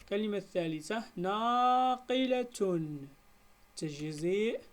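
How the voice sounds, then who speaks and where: Woman, Moroccan accent, schoolteacher, beginners' reading lesson, very slow pace, drawn-out syllables. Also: medium pitch, lively intonation. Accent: Moroccan Arabic. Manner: slow, deliberate, syllable-by-syllable reading, stretching example words. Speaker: primary school teacher.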